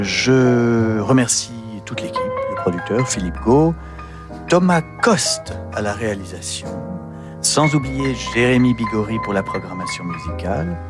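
A man's voice: lowish voice, expressive, normal speed, over music. A male radio host interviewing a guest in an easygoing, joking way, with hesitant fillers.

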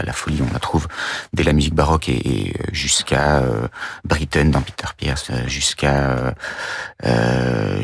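A man commenting on music in a radio studio discussion, thinking aloud with frequent pauses and fillers. His voice is extremely deep and husky, recorded dry and close, with faint music behind. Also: no room sound. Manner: thoughtful, hesitant, with many pauses and fillers.

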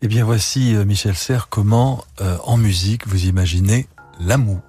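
A man's voice: on the low side, normal speed, warm tone. A man hosting a radio interview, introducing music and prompting his guest, sometimes finishing his thoughts. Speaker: radio host.

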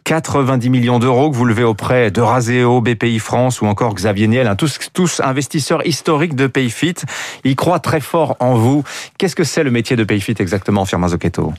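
A man interviewing a company founder in a morning business show, asking brisk questions with emphatic rising stresses. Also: medium pitch, expressive, no room sound.

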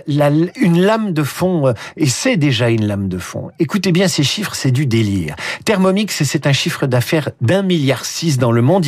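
A man with a slightly husky, fairly high voice presents a chatty radio press review from a studio. His delivery is lively and full of asides, and the dry sound carries no room echo.

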